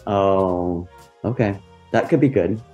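A man co-hosting a casual podcast, trading wry jokes with quick comebacks. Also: low-pitched, a little mellow, faint music behind. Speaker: podcast co-host. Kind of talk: casual chat.

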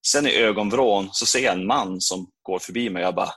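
A man tells a story in casual podcast chat, acting out his own reactions as he goes. His voice sits fairly low, and the sound is close and dry with no room echo. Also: husky. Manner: animated anecdote telling with acted-out reactions. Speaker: podcast co-host.

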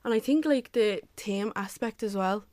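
A woman's voice: medium pitch, moderate pace, a little mellow, no room sound. A young woman who cheers and coaches, answering interview questions casually and saying "like" constantly. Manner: filler-heavy, says "like" constantly.

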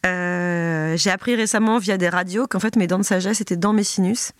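A woman in her thirties with a stuffy head cold chats casually as a podcast guest, swearing freely and acting out other people's voices. Her voice is on the low side with fairly even intonation and a moderate pace, recorded clean in the studio with no room sound.

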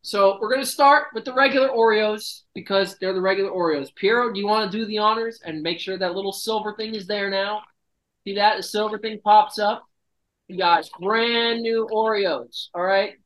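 A man hosts a loose podcast chat with friends. He is brash and profane, quick with a joke. He sounds a little queasy throughout. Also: high voice, fairly even intonation, fairly bright tone, poor audio. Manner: swearing, brash and joking. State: feeling sick and nauseous. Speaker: podcast host. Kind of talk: casual chat.

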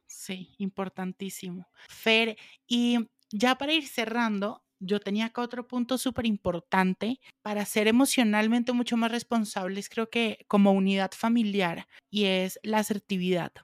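A woman's voice: mid-range voice, fairly even intonation, moderate pace, few pauses, no echo, studio quality. A woman hosting a podcast interview, emphatic and agreeing, asking her guest for advice. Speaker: podcast host. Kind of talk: conversational interview.

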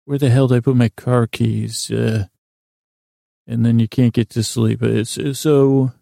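This soft, dark-toned podcaster with gravelly fry delivers a flat, improvised bedtime monologue within a narrow pitch range. Halting and wandering, he trails off into tangents, self-corrections and self-deprecating asides; the sound is close, dry and free of room sound.

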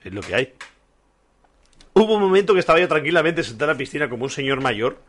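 A man's voice: a little high, lively intonation, fast talker, a bit bright. A man, co-hosting a casual beer-tasting podcast, telling jokey stories and swearing freely. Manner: joking storyteller, swears freely. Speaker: podcast co-host.

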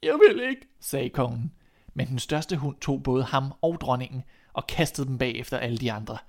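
A man reading a classic fairy tale aloud as narrator, in an expressive, measured storytelling manner. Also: medium pitch.

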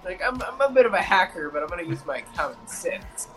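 A man's voice: high-pitched, big pitch swings, fast, over music, rough recording. A man playing a tabletop game, making dry wisecracks. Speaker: player. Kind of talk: casual tabletop play.

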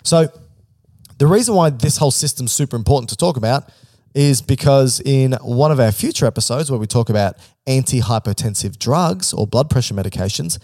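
A man's voice: mid-range voice, expressive, fairly quick, a little mellow, no room sound, studio quality. A man co-hosting a podcast, explaining a topic step by step in an informal, joking way. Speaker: podcast co-host. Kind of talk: casual explanatory chat.

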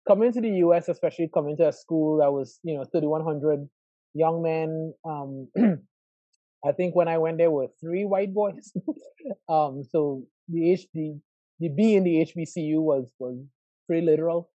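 Guesting in a conversational interview over a call, a man in his forties from Trinidad and Tobago, a professor with a Trinidadian accent, reflects thoughtfully and often adds "right?". He has a fairly high pitch, a dark tone and a moderate pace. No echo, but the recording is muffled.

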